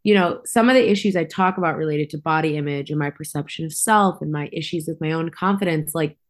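Young woman, lower-pitched, chatting informally. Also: fast. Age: young adult. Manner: informal, frequent "like" and "you know". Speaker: podcast guest, model and public speaker. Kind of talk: casual interview chat.

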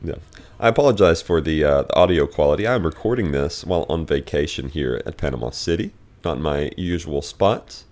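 A man's voice: extremely low pitch, fairly quick, a little mellow. A man co-hosting a sports podcast in easygoing, teasing banter, heard through poor-quality audio recorded while away on vacation. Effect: poor-quality audio recorded away from his usual setup. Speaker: podcast co-host. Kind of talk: casual sports talk. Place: vacation spot, not his usual recording place.

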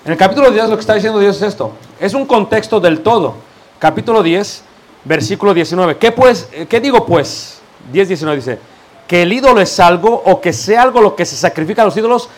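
A man's voice: sits high, lively intonation, fairly quick. A man preaching a sermon, firing rhetorical questions at his congregation and addressing them as brothers.

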